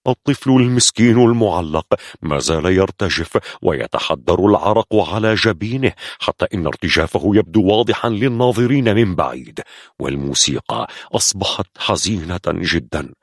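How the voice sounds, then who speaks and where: Man, husky voice, low pitch, lively suspenseful storytelling, dry close sound. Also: normal speed, dry recording. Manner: suspenseful, expressive narration. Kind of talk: dramatic film retelling.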